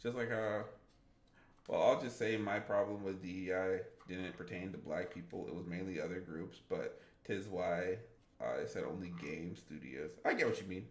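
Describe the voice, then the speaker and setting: A man's voice: low voice, moderate pace. A man streaming games who chats casually, rambles and reads his viewers' comments aloud. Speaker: gaming streamer. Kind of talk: casual live-stream chat. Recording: roomy echo.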